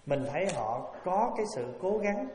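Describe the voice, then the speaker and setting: A man's voice: high voice, big pitch swings, normal speed, darkish tone. A man, a Buddhist monk giving a folksy, humorous dharma talk with rhetorical questions. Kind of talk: sermon. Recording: echoey hall, dull, noisy recording.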